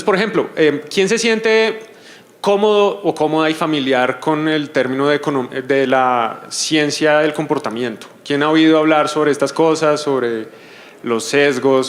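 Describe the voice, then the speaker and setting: A man, his voice sitting a little high, moderates a panel in an auditorium. He talks hesitantly, with plenty of fillers, and puts questions straight to the audience. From Colombia.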